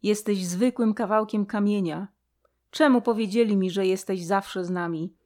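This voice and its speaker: A woman voicing a young female mouse who shouts and sobs in a storybook reading. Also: medium pitch, very animated, normal speed. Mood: sobbing, furious. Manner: tearful, shouting. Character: young female pink mouse, upset and confused.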